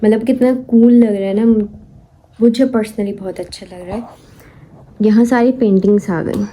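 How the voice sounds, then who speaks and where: Young female vlogger, casual chatty home video, deep mellow tone. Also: slight background noise, low-quality recording. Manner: chatty, addresses viewers directly, mixes English words. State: tired and out of breath. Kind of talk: casual vlog chat.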